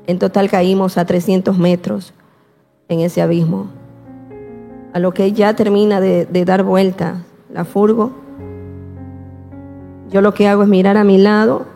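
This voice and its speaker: Woman, emotional testimony, slow and repetitive, long hall reverb, faint music behind. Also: lowish voice, gravelly, dark tone. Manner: slow, repeating herself, quoting prayers. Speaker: guest telling her testimony.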